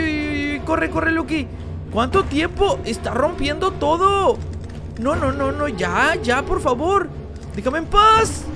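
A man with a strikingly high voice plays through a horror game and talks straight to his viewers. He reads the game's lines aloud in translation, and he yelps and repeats words whenever he gets scared. Soft music runs underneath him. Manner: addresses viewers as "chicos". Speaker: gaming YouTuber. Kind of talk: Let's Play commentary translating game dialogue.

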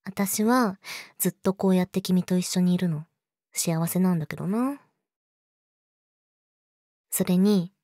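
A woman's voice: mid-range voice, dark tone, no echo, studio quality, close to an everyday voice. A woman playing a young, clingy yandere girlfriend in an intimate audio drama, sweet and eerily obsessive, coaxing the listener.

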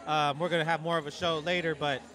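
A man's voice: on the high side, level tone, fast. A man hosting a casual podcast outdoors at a block party, upbeat and joking. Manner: upbeat, joking, wrapping up the show. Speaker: podcast host.

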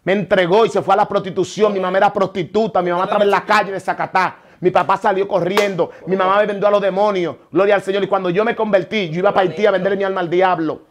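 A man pours out his life story as a religious testimony, words tumbling out fast and high. He keeps restarting sentences and doubling words, carried along by his own story. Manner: animated storyteller, frequent restarts and repeated words. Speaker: interview guest giving a conversion testimony. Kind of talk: emotional testimony.

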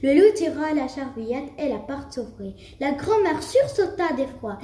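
A woman's voice: high voice, big pitch swings, measured pace, dark tone, recorded from a distance. A woman reading a fairy tale aloud for a school puppet show, with a few restarts. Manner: storybook reading with occasional restarts and fillers. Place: school room. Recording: roomy, faint background ambience.

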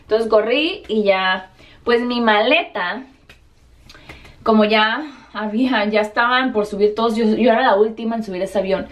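A young Mexican woman recounts her story for her vlog, her voice sitting slightly high. She keeps it lively, slipping into quoted voices for every exchange. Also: moderate pace. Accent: Mexican Spanish. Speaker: vlogger. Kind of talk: storytelling to camera.

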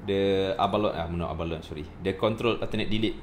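A man's voice: low voice, fast. A man chatting casually in short, clipped phrases while playing an online game. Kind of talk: casual gaming chat. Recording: faint background noise.

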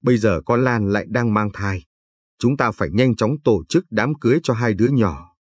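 A man's voice: lowish voice, moderate pace, breathy edge, no echo, studio quality. A man reading the lines of a stern, grieving older father in a spoken story. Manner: stern, scolding.

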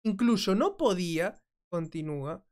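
A woman's voice: on the low side, animated, a little slow, a little mellow. A woman hosting a commentary video, translating and reacting to clips in a chatty way, often asking "mm?". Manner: conversational, frequent checking "¿mm?". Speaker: commentary host.

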